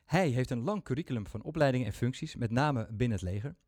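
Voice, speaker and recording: A man's voice: medium pitch, expressive, fast, a little mellow, no room sound, clean studio sound. A man hosting a podcast, talking chattily with self-mocking humor into a microphone. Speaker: podcast host. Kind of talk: casual podcast talk.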